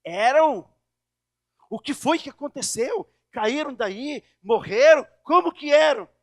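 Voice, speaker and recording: A man voicing a lively, blunt male monkey in a sermon story, questioning and then scolding. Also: very high-pitched, slow, dry recording, heavily acted. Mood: curious. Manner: inquisitive, scolding.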